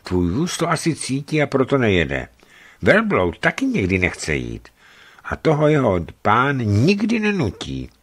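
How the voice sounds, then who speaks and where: A man's voice: medium pitch, wildly swooping pitch, husky, pitched above the performer's own voice. A man voicing a kind, earnest young waiter who soothes and offers himself as a servant, in a radio book reading.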